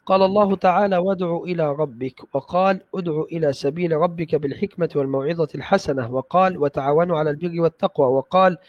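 A student with a somewhat high voice reads hadith texts aloud in a study session, steady and careful, briefly checking the text as he goes. The recording sounds dull and lo-fi, dry and close, with no room sound.

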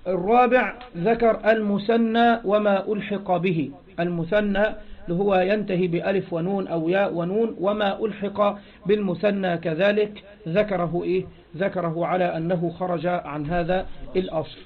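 A high-pitched man lecturing on grammar over a dull, lo-fi recording. He poses questions to the class and answers them himself, repeating each point. He reads quoted passages louder and more slowly. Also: fairly even intonation. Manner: asks rhetorical questions and answers them, repeats key phrases. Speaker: Arabic grammar teacher. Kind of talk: classroom lecture explaining a text.

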